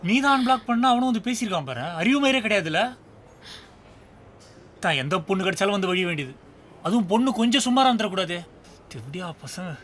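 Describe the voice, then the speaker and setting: A man's voice: high voice, big pitch swings, quick pace, long pauses, a little hiss or hum. An actor playing a possessive, jealous young college man in a short film drama, pleading and calling after his girlfriend. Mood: sneering. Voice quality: pleading, then shouting after her. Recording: film soundtrack with loud music.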